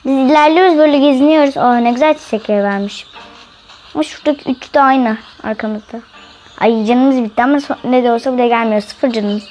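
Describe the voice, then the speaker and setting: A woman doing let's play commentary as host of a gaming channel, chatty and excitable, talking straight to her viewers and often shrieking. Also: sits high, fast, a little hiss or hum. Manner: excitable, often shrieks and laughs while playing; chatty, keeps addressing viewers directly.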